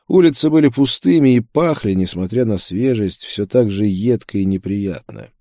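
A man narrating a first-person fantasy audiobook in a measured, grim way. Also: lowish voice, animated, mellow, dry recording, studio quality.

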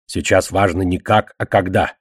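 A man reading an audiobook voices a curt, sardonic wizard in a lower, matter-of-fact tone. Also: fairly even intonation, moderate pace, husky, no echo. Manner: low, dry, matter-of-fact. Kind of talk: audiobook character voice.

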